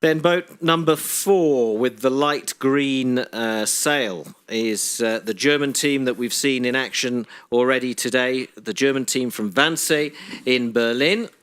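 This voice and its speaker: A man commentating live on a sailing race, steady and informative, with frequent "uh" fillers. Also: medium pitch, unhurried, hardly any pauses, smooth.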